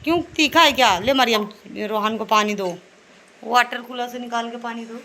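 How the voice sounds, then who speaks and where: A woman's voice: a little high, moderate pace, sharp tone. A woman filming a casual family vlog at home on her phone, chatting to viewers while looking after her children. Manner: chatty, addresses viewers as guys while tending to kids. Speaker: vlogger and mother. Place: home, indoors.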